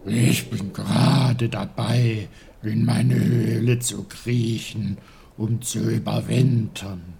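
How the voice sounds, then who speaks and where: Sleepy gruff bear, very slow and yawning, rough growly voice, low, a man doing it. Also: steady tone, dark tone, slight background noise. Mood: drowsy gruff.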